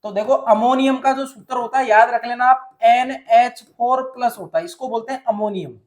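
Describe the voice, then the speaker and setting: A man's voice: very high voice, normal speed. A male teacher from Rajasthan explaining a chemistry lesson step by step, often asking a question and then answering it himself. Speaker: science teacher.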